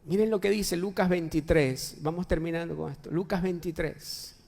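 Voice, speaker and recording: A high-pitched man preaches a sermon from a church pulpit. He presses his points hard, repeating phrases and firing rhetorical questions at the congregation. His voice rings out with a long, echoing hall reverb. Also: fairly even intonation, normal speed, vocal fry, darkish tone. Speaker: pastor. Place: church sanctuary.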